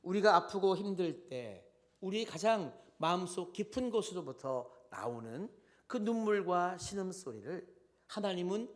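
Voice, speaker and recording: A man preaching a Sunday sermon as pastor, swinging between loud and soft and often addressing the congregation directly. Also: high voice. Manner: tells stories with addresses to the congregation.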